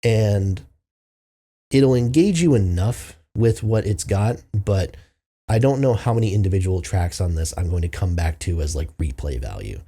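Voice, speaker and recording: A man's voice: sits low, expressive, moderate pace, dark tone, slightly rough. A man hosting a music review show, talking loosely through albums with many fillers and asides. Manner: loose, filler-heavy, thinking aloud. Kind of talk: casual album review monologue.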